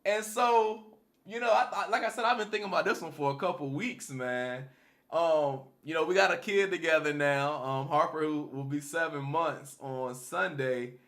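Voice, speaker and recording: Bright-voiced American man with a smoker's rasp. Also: fairly high pitch, normal speed. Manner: informal, slangy. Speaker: podcast host. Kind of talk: casual chat.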